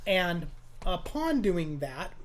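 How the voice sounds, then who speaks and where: A man's voice: high-pitched, very animated, takes it slowly. A man hosting a casual music production tutorial, rambling and profane, with many fillers and restarts. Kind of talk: casual screen-recorded tutorial.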